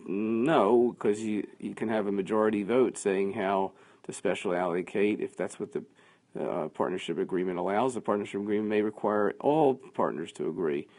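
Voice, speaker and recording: A man teaching a class, working through quiz answers out loud in a conversational way. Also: fairly low pitch, moderate pace. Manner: thinking aloud, conversational, with fillers.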